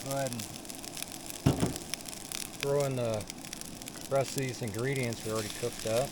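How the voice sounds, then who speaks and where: A man's voice: medium pitch, fairly even intonation, moderate pace. A man talking in a laid-back, plain-spoken way as he narrates a casual cooking and camping vlog. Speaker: camping vlogger. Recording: clear sizzling and ambient noise. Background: food frying and stirring.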